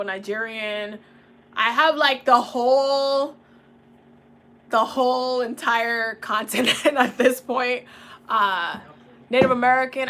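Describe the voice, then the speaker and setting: A young woman from the Dominican Republic talks in a loose, slangy livestream chat, laughing often between thoughts. Her voice is bright and a little high. A faint background hiss sits under the recording. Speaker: tarot and oracle reader.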